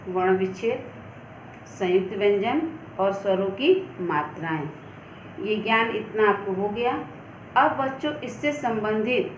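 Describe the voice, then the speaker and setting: A woman's voice: mid-range voice, fairly bright tone, slight background noise. A woman teaching Hindi to schoolchildren, patiently sounding out syllables one at a time and checking that they follow. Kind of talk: online classroom lesson for children. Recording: echoey room with faint background ambience.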